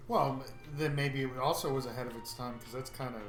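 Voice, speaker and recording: A man co-hosting a casual movie review chat, agreeable and quick with short interjections. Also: mid-range voice, fairly even intonation, reverberant, faint music behind. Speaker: podcast co-host.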